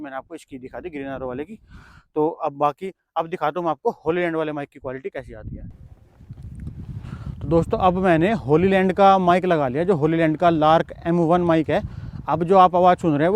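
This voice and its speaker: Fast-talking man demoing gear. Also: high voice. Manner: chatty, explains step by step while handling gear. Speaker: tech reviewer vlogger. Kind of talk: casual product demo. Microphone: wireless clip-on mic.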